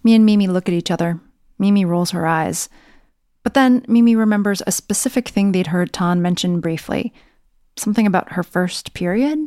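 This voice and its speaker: A woman's voice: fairly low pitch, moderate pace, warm tone, dry recording. Woman narrator, plain storytelling, dead dry close sound. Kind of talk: scripted narration.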